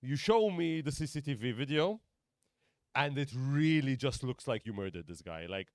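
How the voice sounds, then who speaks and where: Smooth-voiced man, rambling banter. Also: mid-range voice, animated, normal speed, dry recording, clean studio sound. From Malta. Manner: rambling, swearing, playful. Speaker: podcast guest, comedian. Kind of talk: casual chat.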